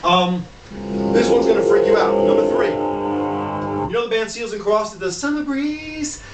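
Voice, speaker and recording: Male DJ, high-pitched, casual and rambling, distant mic in an echoey room. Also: a little slow. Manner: chatty, loose, with fillers and asides. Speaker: DJ presenting hip-hop samples. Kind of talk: casual commentary over records. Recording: roomy, off-mic, music behind. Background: music playing.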